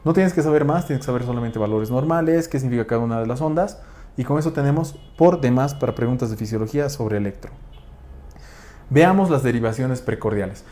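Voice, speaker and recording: A man's voice: medium pitch, dark tone. A man lecturing on physiology, asking rhetorical questions and checking in with tag questions. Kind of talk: explanatory lecture.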